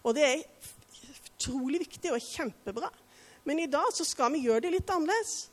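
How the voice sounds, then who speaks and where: A woman's voice: sits high, expressive, long reverb tail. A woman preaching a sermon in an earnest way, asking the listeners direct questions.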